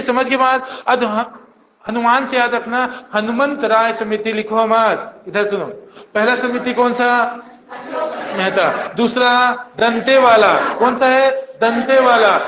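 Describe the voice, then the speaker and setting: A man teaching a coaching class, drilling students with mnemonics in call-and-response. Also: very high-pitched. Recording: dull echoey classroom recording.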